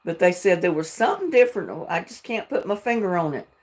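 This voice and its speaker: Talking fast and animatedly in a lowish voice, an older livestream host chats with her viewers from her Texas home. Originally from North Carolina, she has a Southern drawl tinged with Texas and laughs frequently.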